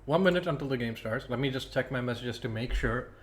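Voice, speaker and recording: A young man casting a student esports tournament alone on a stream, chatty and self-deprecating, thinking out loud between picks. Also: mid-range voice, fast. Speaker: esports caster. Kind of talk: solo livestream commentary.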